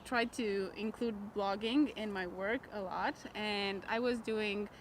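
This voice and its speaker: A woman's voice: mid-range voice, steady tone, a little slow, a little hiss or hum. A young woman from Romania, English as her second language, speaking as a guest in a casual interview and laughing often. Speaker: guest, writing coach and author.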